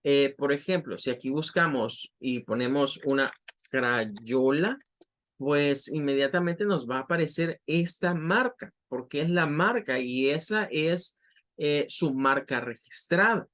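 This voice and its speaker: Slow, patient Latin American teacher. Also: male voice, on the high side, a bit bright. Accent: Latin American Spanish. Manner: patient, repeats each word slowly for pronunciation. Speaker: English teacher. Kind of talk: online vocabulary lesson.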